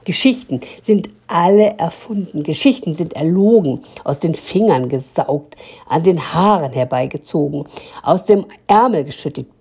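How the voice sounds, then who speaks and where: A woman's voice: sits low, animated, moderate pace, warm tone, husky, full character voice. A woman voicing a grumpy man who rants indignantly against stories. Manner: indignant, ranting.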